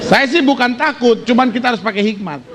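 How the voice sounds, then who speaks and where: A man preaching a sermon as pastor, lively and joking, quizzing his congregation. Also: very high voice, a little fast, a loud crowd, very noisy.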